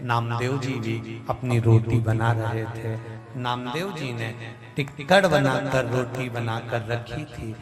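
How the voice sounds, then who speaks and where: A man's voice: mid-range voice, fairly even intonation, takes it slowly. A man preaching a devotional sermon, telling stories, speaking straight to his listeners and breaking into song. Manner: storytelling, addresses listeners directly, breaks into song. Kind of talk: devotional sermon with sung verses. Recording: echoey hall with music behind.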